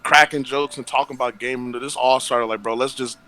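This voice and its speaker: A man's voice: mid-range voice, fairly even intonation, a little fast, bright, forceful tone, poor audio. A young man co-hosting a casual podcast, joking and teasing in a slangy, playful way. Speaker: podcast co-host. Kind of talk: casual group podcast chat.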